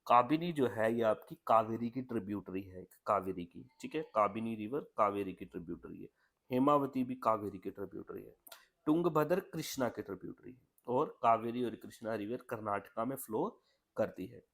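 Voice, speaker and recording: A man's voice: fairly low pitch, lively intonation, moderate pace, creaky, a bit bright. A man teaching an exam lesson in a chatty, repetitive way, mixing English words into Hindi. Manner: chatty, repeats "ठीक है" often.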